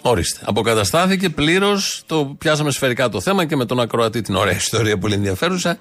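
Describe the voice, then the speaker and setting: A man's voice: medium pitch, sing-song, fairly bright tone, faint music behind. A man presenting a radio show, making wry, jokey links between segments. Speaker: radio host.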